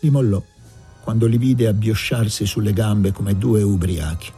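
A man narrating a novel aloud in a measured, expressive reading. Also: fairly low pitch, breathy edge, faint music behind. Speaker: audiobook reader. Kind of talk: literary audiobook narration.

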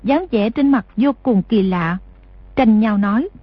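A woman narrating an audiobook in a steady, measured reading voice. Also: medium pitch, breathy edge, no room sound, muffled recording. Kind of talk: scripted narration.

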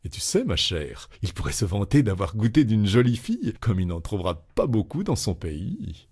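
A man voicing a grave aristocratic count who speaks slowly and condescendingly. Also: mellow, exaggerated voice. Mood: coaxing. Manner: slow, low and patronizing. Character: grave aristocratic older count, smooth persuader.

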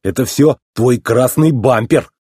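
Man playing a goofy old tow truck, husky, high, drawn-out sing-song, storybook. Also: mellow, no echo. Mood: teasing. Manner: drawling, sing-song teasing. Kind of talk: storybook reading.

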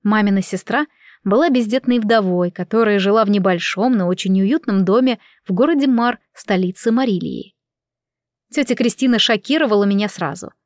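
A woman reads a first-person audiobook in an even, measured way. Her voice sits in a middle register. The recording is dry and close, with no room echo. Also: medium pitch. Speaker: audiobook narrator.

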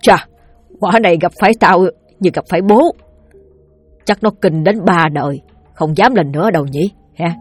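A woman's voice: on the low side, moderate pace, slightly rough, soft background music. A woman voicing a cowardly, bragging older village man who stammers and pleads. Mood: boastful.

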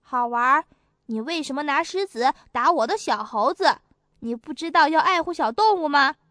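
A woman's voice: sits high, normal speed, bright, forceful tone, no echo, clean studio sound. A woman voicing a stern, angry old male monkey who scolds in a demanding way, over faint music.

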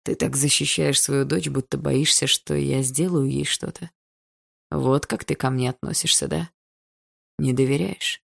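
A woman voicing a cold, menacing stepfather who speaks slowly and with icy calm. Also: rumbling low, creaky, no room sound, clean studio sound, heavily acted. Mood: insinuating. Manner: slow, icily calm, insinuating. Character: cold, menacing stepfather, middle-aged man. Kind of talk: audiobook character voicing.

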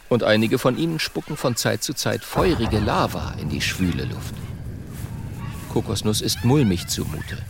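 Slow, animated male storybook narrator. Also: on the low side, gravelly, a little hiss or hum. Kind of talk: expressive children's story narration.

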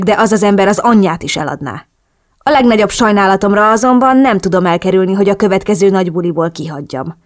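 A woman's voice: mid-range voice, natural voice. A woman reading a cold cartel boss. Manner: cool, measured, blunt. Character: cold, calculating man, drug cartel boss. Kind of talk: audiobook character reading.

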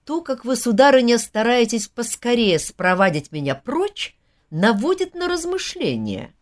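A woman's voice: a little high, big pitch swings, unhurried, voice pushed up. A woman voicing an agitated young officer. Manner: agitated, insistent, shouting. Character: angry young male officer, grieving his brother.

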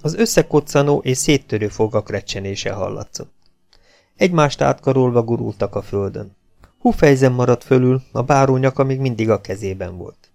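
Gravelly male audiobook narrator. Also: mid-range voice, a little mellow, faint music behind. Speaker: audiobook reader.

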